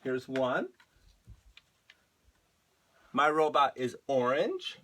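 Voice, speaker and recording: Slow-speaking male art teacher. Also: mid-range voice, huge pitch swings, fairly bright tone. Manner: slow, patient, spells things out. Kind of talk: lesson for young children.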